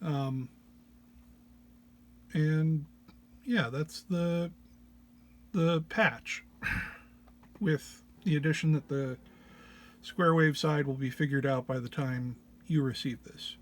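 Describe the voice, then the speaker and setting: This is a man's relaxed technical demo of an audio effects patch, delivered haltingly by a presenter who sounds tired and under the weather. It was captured with one mono microphone, and background noise can clearly be heard.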